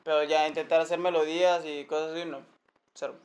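A man bantering casually and poking fun at himself. His voice sits a little higher than most men's. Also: little pitch movement, fast talker, a little hiss or hum. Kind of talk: casual chat.

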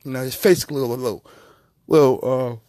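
A man hosting a podcast, giving profane, mocking comedic commentary in an animated way. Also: medium pitch, brisk, no room sound, studio quality. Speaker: podcast host.

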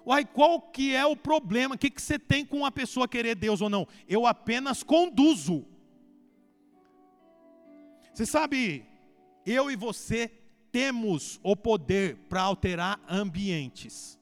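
A man's voice: very high-pitched, lively intonation, takes it slowly, soft background music. A man with a Brazilian accent preaching a sermon as pastor, pressing the congregation with emphatic rhetorical questions. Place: church hall. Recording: long church hall reverb.

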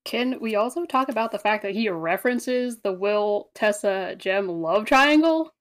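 A woman co-hosting a casual book podcast, animated and acting out her reactions. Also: medium pitch, a little slow. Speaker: podcast co-host.

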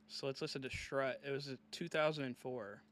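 A man's voice: mid-range voice, steady tone, a little fast, fairly bright tone, no echo. A man co-hosting a comedy podcast with giggly, teasing casual chat. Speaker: podcast co-host.

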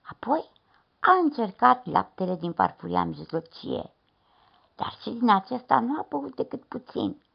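Woman, storyteller, children's fairy tale, lively melody, gravelly, dull lo-fi recording. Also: fairly high pitch. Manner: expressive, with slow stretched words and soft hushed asides.

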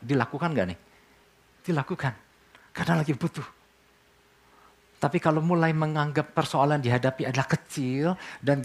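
A pastor in his speech preaches to his congregation. His tone is conversational. He keeps asking questions and answering them himself, and his voice sits at an ordinary middle pitch. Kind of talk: sermon.

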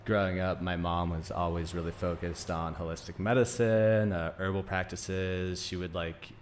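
Here a naturopathic doctor in his thirties from Greece, Denmark and Arizona talks casually as a podcast interview guest. His low voice stays flat and moderately paced as he tells a rambling, informal story over slight background noise.

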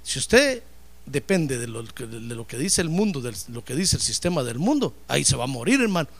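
A man's voice: mid-range voice, very animated, moderate pace, vocal fry. A man preaching a fervent sermon, often addressing listeners as brother and acting out dialogue.

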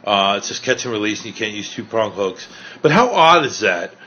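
Fairly low and sing-song, his voice comes out fairly quick, bright, forceful, and slightly rough. He's a street video creator with a New York accent, chatting loosely and rambling with fillers among strangers in a city park, then recapping for a vlog. The street recording is dull and lo-fi.

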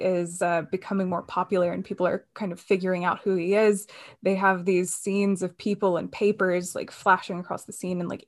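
Chatty woman discussing films. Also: medium pitch. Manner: chatty, with many fillers and restarts. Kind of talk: casual film discussion.

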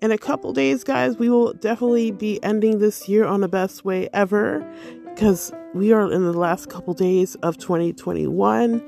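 A woman's voice: medium pitch, moderate pace, creaky, warm tone, soft background music. A woman hosting her own podcast as a life coach, talking casually in a bubbly, effusive way with many fillers, and sounding tired. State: tired, yawning.

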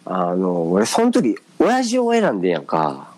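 A man's voice: deep voice, moderate pace, rough recording. Kansai guy telling a story, lots of um and uh, really swingy voice. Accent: Kansai Japanese. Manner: hesitant, many fillers; animated storytelling. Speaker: podcast co-host. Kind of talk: casual chat.

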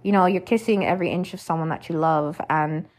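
Female podcast host, lowish voice, rambling casual delivery full of fillers. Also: a little fast, darkish tone. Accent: unplanned put-on accent when reading poetry. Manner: rambling, many fillers like "you know". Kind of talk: casual poetry reading and discussion.

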